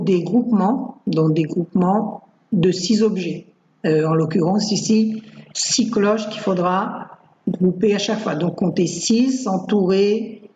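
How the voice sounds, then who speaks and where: A woman's voice: medium pitch, slight background noise. Patient teacher woman in a roomy room. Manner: calm, patient, hesitant with many fillers. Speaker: primary school teacher. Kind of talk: explaining worksheets in a screencast. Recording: roomy, dull lo-fi home recording.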